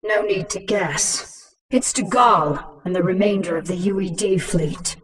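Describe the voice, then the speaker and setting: A woman's voice: medium pitch, unhurried, far from the mic, close to an everyday voice. Woman voicing a gloating, ruthless alien swarm queen, Kerrigan. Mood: taunting. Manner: mocking, imperious, drawling threats. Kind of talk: dramatic video game acting. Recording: voice under very loud music.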